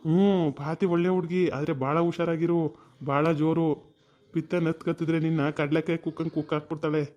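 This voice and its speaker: An actor playing a jovial middle-aged village elder who teases in rustic banter, with a Mysore Kannada accent. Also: male voice, flat delivery, a little fast, darkish tone, close to an everyday voice. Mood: teasing. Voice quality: high-pitched, bantering, rustic.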